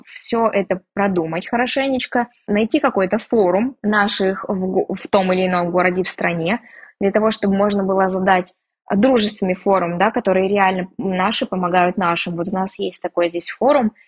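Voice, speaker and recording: A woman from Russia, now living abroad, gives a relaxed, candid interview full of jokes at her own expense. Her medium-pitched voice stays steady at a normal speed.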